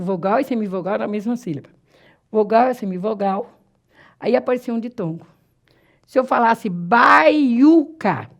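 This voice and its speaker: Teacher: woman from Brazil, high and very animated voice, stretches out key terms, asks and answers her own questions. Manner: lively, repeats and spells out words slowly, asks rhetorical questions. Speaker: Portuguese teacher. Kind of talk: exam-prep grammar lesson.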